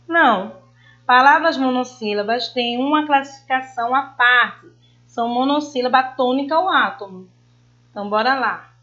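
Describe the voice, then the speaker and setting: A woman teacher giving an online lesson to children, affectionate, stretching out example words slowly. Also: high-pitched, sharp tone. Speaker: primary school teacher. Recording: dull lo-fi home recording.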